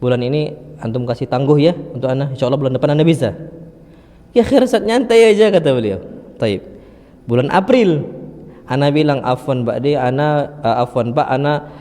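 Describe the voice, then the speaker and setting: A man's voice: mid-range voice, a little fast, long pauses, long reverb tail. A man preacher, telling personal stories in a mosque study talk, sprinkling in Arabic phrases. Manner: animated storytelling with Arabic phrases.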